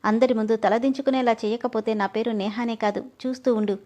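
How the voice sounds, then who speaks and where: A woman's voice: a little high, fairly even intonation, fairly quick, warm tone, lightly acted. A woman voicing a stubborn, spiteful jilted young woman in a read-aloud story. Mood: bitter.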